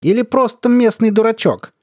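A man plays a sly, taunting middle-aged army colonel. He lisps and coos in a squeaky baby-talk voice well above his usual pitch. It is a dry, close audiobook recording. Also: animated, normal speed, warm tone, no echo. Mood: mocking. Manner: mocking, taunting.

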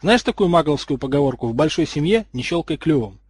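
A man's voice: on the high side, animated, fast, darkish tone, close to an everyday voice. A man doing a snobbish sneering schoolboy. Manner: sneering, sarcastic.

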